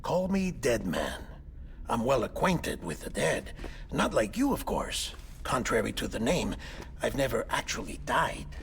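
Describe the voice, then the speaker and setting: A man's voice: medium pitch, big pitch swings, measured pace, creaky, a little hiss or hum. A man playing an affable, eccentric coroner turned doctor in a game cutscene, conversational and drily wry. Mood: wry, reassuring. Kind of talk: video game cutscene acting.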